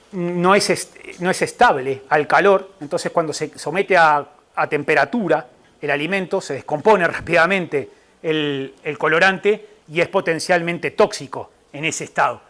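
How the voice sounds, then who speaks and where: A middle-aged Argentine nutritionist gives an informal public talk to a live audience, speaking Spanish with an Argentine accent in a fairly high, bright voice for a man. He explains each point patiently and keeps checking in with the room through quick asides like "¿verdad?" and "¿eh?".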